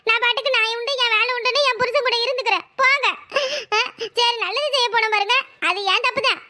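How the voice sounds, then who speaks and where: Brief: a coaxing, defensive cartoon sister, Kanyakumari Tamil accent, bright and fast. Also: female voice, very high voice. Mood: sulky. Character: pleading loyal younger sister, young woman. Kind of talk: cartoon voice acting.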